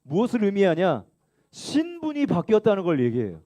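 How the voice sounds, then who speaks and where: A man preaching a children's sermon in a church, leading the group in reading aloud together. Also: a little fast. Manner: lively, acts out the elder son's complaints in a high whiny voice; leads call-and-response reading. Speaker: children's pastor. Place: church sanctuary.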